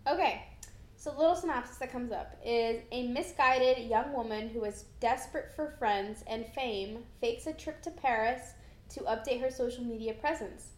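A woman's voice: fairly high pitch, normal speed. A young woman co-hosting a podcast, chatting casually and informally about film with a giggly manner, recorded in a house. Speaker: podcast co-host. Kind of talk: casual film review chat. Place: echoey room in a house. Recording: echoey room with background noise.

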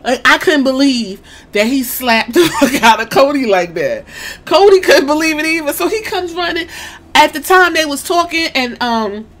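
Excitable woman swearing through a recap. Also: on the high side. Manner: excited, swears a lot, acts out quotes. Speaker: wrestling fan recapping a press conference. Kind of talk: casual profane storytelling recap.

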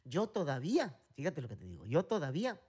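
A man's voice: fairly high pitch, wildly swooping pitch, a little fast, warm tone, husky. A middle-aged man with a Mexican accent, co-hosting a casual chat and rambling through stories with many fillers and restarts. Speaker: podcast co-host.

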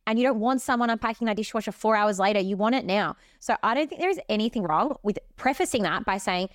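A woman's voice: medium pitch, lively intonation, fast, dry recording, clean studio sound. Blunt, sweary woman co-host. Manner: blunt, swears casually, tip-giving. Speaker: podcast co-host. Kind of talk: casual chat.

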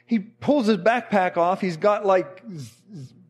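A middle-aged man preaching, telling a story with animated energy and acting out the voices of the people in it. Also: sits high, measured pace, breathy edge. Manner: animated, acts out quotes of others. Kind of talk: sermon storytelling.

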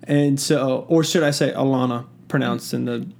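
A man from the Southern US, co-hosting a podcast in casual chat, telling stories in an animated way with joking asides. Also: medium pitch, normal speed, vocal fry. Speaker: podcast co-host.

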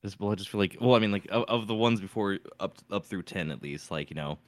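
A man's voice: fairly low pitch, fast, no echo, studio quality. A man co-hosting a casual podcast, earnestly arguing a silly point with his friends. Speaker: podcast co-host. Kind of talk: casual chat.

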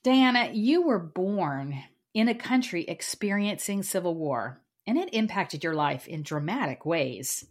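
A woman's voice: on the low side, animated, unhurried. A woman hosting a faith interview who asks questions in an encouraging way. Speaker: host.

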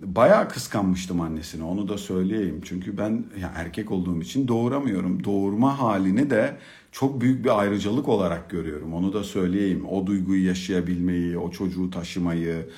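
A middle-aged man telling a humorous personal story about being a father, in an expressive, colloquial manner. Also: low voice, fairly quick. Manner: expressive, humorous, colloquial, swings from hushed to excited. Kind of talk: storytelling talk.

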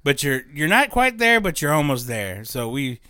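A man's voice: fairly high pitch, big pitch swings, normal speed, pushed and bright, clean tone. A man in his thirties hosting a casual podcast, out of breath and rambling with frequent laughs. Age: 30s. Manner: rambling, laughing, self-mocking. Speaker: podcast host.

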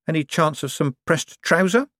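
A slippery young con man talks in wry, hedging bursts, pitched slightly up with lively swings in his voice. He is a charming storybook rogue, as the male narrator puts him on. The sound is close and dry. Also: normal speed, no echo. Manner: hesitant, wry and evasive.

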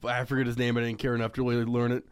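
A young man co-hosting a podcast in casual chat, swearing often and laughing loudly. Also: mid-range voice, completely flat delivery, very fast, smooth, no echo, clean studio sound. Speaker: podcast co-host.

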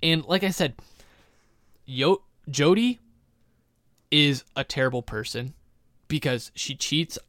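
Animated ranting podcast guy. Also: a little high, takes it slowly, pauses often, dry recording, clean studio sound. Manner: animated, ranting, lots of restarts. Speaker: podcast co-host. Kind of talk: casual chat.

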